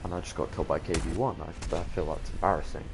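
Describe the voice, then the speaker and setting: A man's voice: sits low, steady tone, fast talker, background noise. A young British man with a posh-sounding accent, rambling casually and earnestly while gaming, often asking rhetorical questions. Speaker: video gamer commentator.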